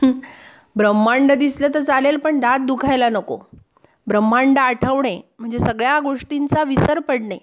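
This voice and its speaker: A woman teaching a lesson in a high voice. She reads a humorous passage aloud and then stops to explain it in simple words. Her tone is that of a teacher. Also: normal speed. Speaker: Marathi teacher.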